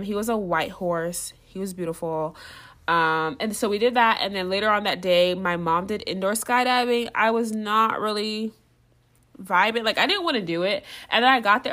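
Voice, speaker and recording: A young woman telling a story in casual chat, full of "like" fillers, who acts out the voices of others as she talks. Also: medium pitch. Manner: chatty, lots of "like" fillers; animated, acts out what others said.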